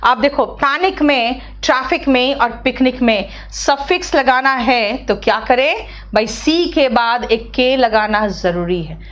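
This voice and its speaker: A woman's voice: high voice, animated, a little slow, hardly any pauses, fairly bright tone. A woman teaching English spelling and pronunciation in Hindi, repeating example words and scolding her students about how they pronounce them.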